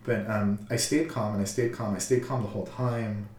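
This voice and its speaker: A man who works as a counselor, telling a personal story in a calm, reflective way, halting often with fillers. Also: lowish voice, echoey room, far from the mic.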